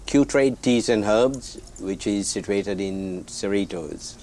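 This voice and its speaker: A middle-aged man from Sri Lanka, a tea business guest giving measured, matter-of-fact answers. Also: lowish voice, darkish tone, a little hiss or hum. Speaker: tea company executive guest.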